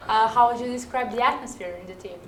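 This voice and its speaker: A woman interviewing a guest, asking her questions softly and a little hesitantly, with fillers. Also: fairly high pitch, fast. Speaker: club interviewer. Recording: echoey room, faint noise.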